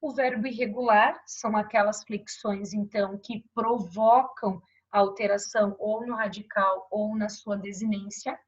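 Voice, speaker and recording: A woman's voice: medium pitch, fairly even intonation, unhurried, few pauses. A woman teacher explaining verb grammar and pointing to examples on a board, often checking in with her students. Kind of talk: grammar lesson. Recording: dull lo-fi recording.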